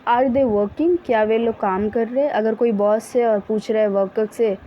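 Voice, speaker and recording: Slow-drilling woman English teacher, lo-fi. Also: on the high side, fairly even intonation. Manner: reads English examples very slowly, then explains quickly in Hindi; self-correcting, apologetic asides. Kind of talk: Hindi-language English grammar lesson. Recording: dull lo-fi sound with faint background hiss.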